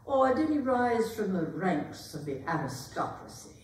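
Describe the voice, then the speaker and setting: A woman's voice: medium pitch, big pitch swings, unhurried, slight background noise. A woman playing a haughty, imperious older aristocratic lady in a staged period comedy reading, pompous and emphatically disapproving. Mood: incredulous. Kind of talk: theatrical readers' theatre performance of a period comedy. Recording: echoey hall, distant microphone.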